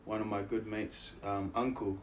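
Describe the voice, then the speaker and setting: A man with a fairly low voice and a broad New Zealand accent tells stories in casual interview chat. He is relaxed in manner, slangy and self-deprecating. Some ambient noise sits behind him. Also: moderate pace. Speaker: interview guest, actor and musician.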